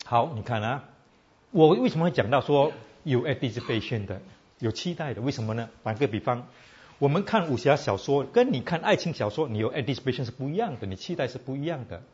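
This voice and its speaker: Lively code-switching male preacher. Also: mid-range voice, fairly quick, slightly rough, highs cut off. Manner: animated, asks the audience "all right?" often. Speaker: preacher teaching a Bible class. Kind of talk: casual sermon mixing Chinese and English.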